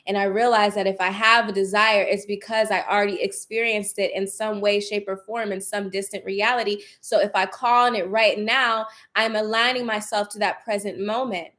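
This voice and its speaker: A woman's voice: medium pitch, steady tone, moderate pace, hardly any pauses, a bit bright. A woman with a mid-range voice talks as a motivational coach. She is conversational and encouraging, addressing her viewers directly. She leans on key phrases and repeats them for emphasis. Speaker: self-help coach, vlogger. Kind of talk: casual motivational talk to viewers. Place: room at home.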